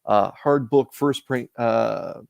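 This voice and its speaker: Canadian man, rambling chat guest, middle pitch, dry close sound. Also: slow, gravelly, a little mellow, no echo. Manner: rambling, repeats and restarts words. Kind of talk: casual live-stream chat.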